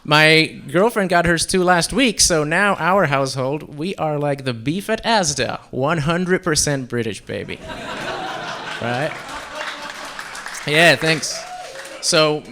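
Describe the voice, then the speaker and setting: Bright-voiced stand-up comic from Central Europe. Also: male voice, fairly high pitch, slow, some chatter behind, a little hiss or hum. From Czech Republic and Slovakia. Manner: deadpan, self-deprecating, with fillers. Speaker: stand-up comedian. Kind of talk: stand-up comedy set. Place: comedy club stage.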